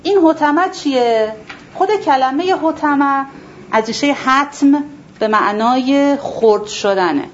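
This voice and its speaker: A woman with a fairly high voice explains scripture to her class, posing rhetorical questions and answering them herself. She repeats key words to drive a point home. The recording is dull and lo-fi, with a faint hiss underneath. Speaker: Quran teacher. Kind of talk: explanatory religious lesson to a class.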